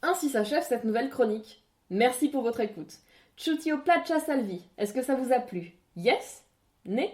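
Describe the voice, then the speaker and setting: A woman presenting a language lesson in scripted narration, clear and didactic, saying out examples slowly. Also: fairly high pitch, lively intonation, darkish tone, faint music behind.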